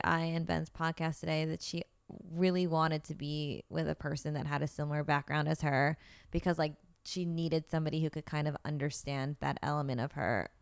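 A young woman co-hosting a casual chat podcast, chatty and quick to laugh, acting out her own reactions. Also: deep voice, gravelly, a bit bright, smooth, dry recording. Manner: chatty, laughs often, quotes herself in mock reactions. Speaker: podcast co-host.

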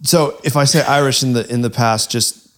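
A man's voice: medium pitch, normal speed. A man co-hosting a podcast, telling a story in a casual way and breaking into laughter often. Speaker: podcast co-host.

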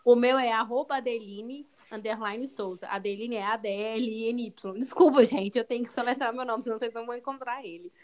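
A Brazilian woman co-hosting a casual podcast with a friend, bubbly, excitable and chatty, often adding little tag questions. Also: on the high side, brisk, hardly any pauses. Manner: frequent tag questions seeking agreement. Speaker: podcast co-host.

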